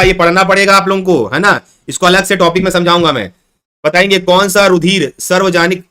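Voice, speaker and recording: A man's voice: high voice, pushed and bright, clear, resonant tone. A man teaching a live online exam-prep class, repeating questions and coaxing his students to answer. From Chhattisgarh, India.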